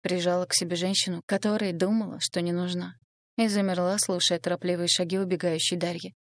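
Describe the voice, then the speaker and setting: A woman reading a dramatic first-person novel aloud in a steady narrating style. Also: fairly low pitch, brisk, no echo. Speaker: audiobook narrator.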